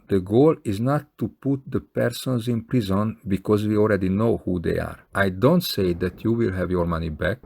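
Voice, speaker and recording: Male video maker, Hungarian accent, lowish gravelly voice, earnest and plain-spoken direct appeal. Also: a little mellow. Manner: earnest, plain-spoken, non-native phrasing. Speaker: video maker appealing to fellow scam victims. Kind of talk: scripted appeal to camera.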